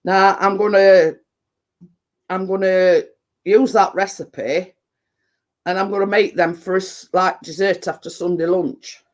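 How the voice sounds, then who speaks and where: His voice is high, steady in tone, and unhurried. A Yorkshire livestream host getting over a cold and chest infection, he sounds chesty and bunged up as he chats ramblingly with live viewers, leaning hard on dialect.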